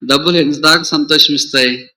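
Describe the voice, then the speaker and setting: A man's voice: a little high, fairly even intonation, a little fast, bright, forceful tone. A man preaching a sermon with a Rayalaseema Telugu accent, telling a parable in a conversational way and asking the listeners questions. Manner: conversational storytelling, asks the audience questions.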